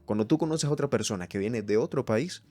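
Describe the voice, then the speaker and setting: A man's voice: medium pitch, lively intonation, fast talker, warm tone, faint music behind. A man from Venezuela hosting a solo podcast, thinking aloud as he reads points from a list and comments on each one. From Mérida, Venezuela. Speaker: podcast host. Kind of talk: solo reflective podcast chat.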